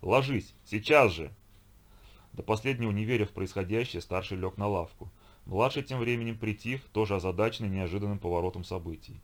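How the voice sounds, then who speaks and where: Male audiobook narrator, low voice, steady storytelling. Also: fast. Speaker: audiobook reader.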